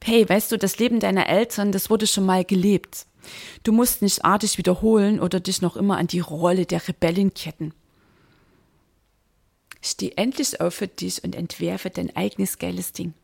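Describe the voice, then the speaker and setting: A woman coach speaking straight to the listener in a motivational podcast monologue, emphatic and exhorting, stressing key words, with a husky, creaky voice. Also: medium pitch, steady tone, moderate pace, darkish tone. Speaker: business mindset coach, podcast host.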